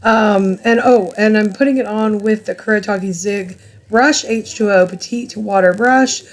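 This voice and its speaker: A woman's voice: medium pitch, unhurried. A woman hosting an art channel, talking casually and enthusiastically through a tutorial while stumbling over product names. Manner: chatty, rambling, enthusiastic.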